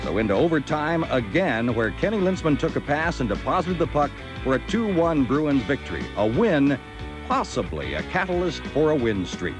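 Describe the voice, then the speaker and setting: An American man working as a sports announcer, narrating scripted hockey highlights and commentary. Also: sing-song, moderate pace, music in the background.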